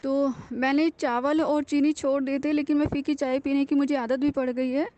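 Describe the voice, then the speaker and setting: High, mellow-voiced woman giving earnest thanks. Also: flat delivery, moderate pace. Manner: earnest, confiding, with frequent fillers and restarts. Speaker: devotee sharing a testimony. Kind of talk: personal devotional testimony, casual.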